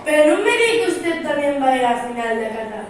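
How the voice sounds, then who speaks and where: A woman's voice: sits high, sing-song, fast talker, a little hiss or hum. A woman with an Asturian accent playing a brash, grumpy rival finalist in an amateur stage comedy. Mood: challenging. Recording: echoey hall from far off, music.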